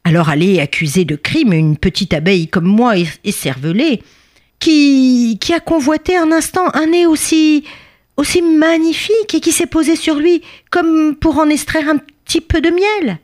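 A woman voicing a tiny, newborn female bee who pleads with the king in a high, stammering voice. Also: moderate pace, darkish tone, natural voice. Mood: pleading. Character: tiny young female bee, timid and flattering.

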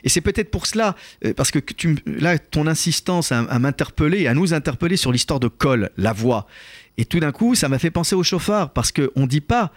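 A man hosting a radio talk show, explaining scripture in a measured, thoughtful way with frequent hesitations. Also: on the high side, expressive, dry recording.

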